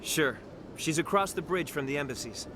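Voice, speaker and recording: An actor playing a young, eager army private in a video game, awkward and easily flustered. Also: male voice, a little high, expressive, moderate pace, a bit bright, slight background noise. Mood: flustered, sheepish. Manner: stammering, flustered. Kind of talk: video game dialogue acting.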